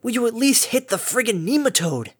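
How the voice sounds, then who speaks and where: A man voicing a brash, sarcastic adult female pegasus pony who yells taunts and mild curses. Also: high voice, very animated, slow, husky, dry recording, pitched above the performer's own voice, full character voice. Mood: frantic, exasperated. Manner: loud, sarcastic, cursing mildly.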